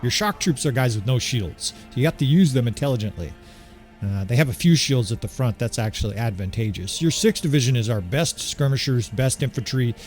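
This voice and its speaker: A man's voice: mid-range voice, animated, fairly quick, darkish tone, soft background music. A man giving casual, enthusiastic commentary over a strategy game playthrough, often tagging his points with "right?". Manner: chatty, enthusiastic, keeps asking "right?". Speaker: gaming commentator. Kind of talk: gameplay commentary.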